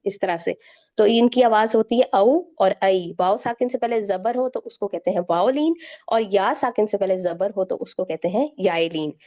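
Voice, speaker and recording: A woman's voice: medium pitch, mellow. A woman teaching Quran recitation, patiently drawing out the example sounds and checking in often. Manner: patient, drawn-out example sounds, frequent "theek hai". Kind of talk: tajweed lesson.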